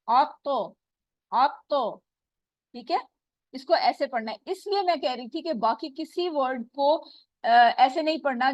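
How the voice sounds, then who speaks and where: A woman's voice: high-pitched, no echo. Woman, recitation teacher, patient, repeats sounds, dry close sound, muffled audio. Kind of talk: online tajweed class.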